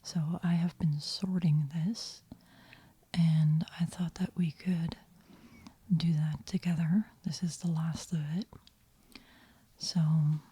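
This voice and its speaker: A woman hosts soft-spoken ASMR in a hushed voice that is very breathy and whispery. She talks slowly in a gentle murmur, with a fairly low pitch. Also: little pitch movement, dry recording. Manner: slow, unhurried, gentle murmur. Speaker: ASMR host.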